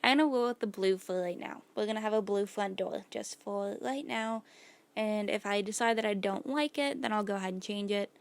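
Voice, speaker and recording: A woman's voice: mid-range voice, brisk, gravelly. Chatty woman losing her voice. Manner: thinks aloud, chatty, many "like"s and "gonna go ahead". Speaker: host narrating a build video. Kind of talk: casual gameplay voice-over.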